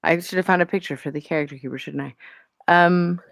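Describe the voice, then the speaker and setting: Creaky-voiced player thinking aloud. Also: medium pitch, steady tone, quick pace, fairly bright tone, no room sound, studio quality. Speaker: tabletop game player. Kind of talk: casual table talk.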